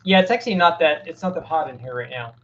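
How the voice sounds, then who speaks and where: A man's voice: a little high, lively intonation, fast talker, a bit bright, dull audio. Plain-spoken man answering engine questions. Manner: plain-spoken, technical, restarts sentences. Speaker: host answering viewer questions. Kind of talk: casual live Q&A. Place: home workshop with a fan running.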